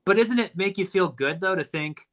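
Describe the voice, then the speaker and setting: A man's voice: high voice, lively intonation, normal speed, a bit bright. A man in his thirties chatting casually on a live stream, earnest and thoughtful, often restarting his sentences. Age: 30s. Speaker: actor hosting a live stream. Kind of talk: casual chat.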